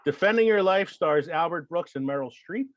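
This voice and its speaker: A man's voice: fairly high pitch, animated, normal speed, dry recording, low-quality recording. A man co-hosting a podcast, chatting casually about films and trailing off into fillers. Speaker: podcast co-host. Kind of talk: casual chat.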